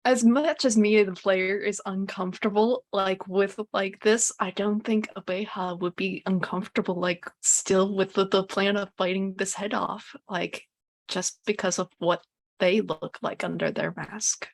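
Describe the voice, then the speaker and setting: A woman playing a tabletop role-playing game, casually describing her moves in halting bursts full of "like". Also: medium pitch, steady tone, dry recording. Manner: halting, filler-heavy, frequent "like". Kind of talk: casual improvised role-play chat.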